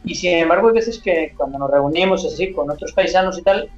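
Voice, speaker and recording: A man's voice: on the high side, fairly quick, dull audio, faint music behind. A man from Spain, co-hosting a radio talk show and chatting in a casual, thinking-aloud way. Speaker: radio co-host.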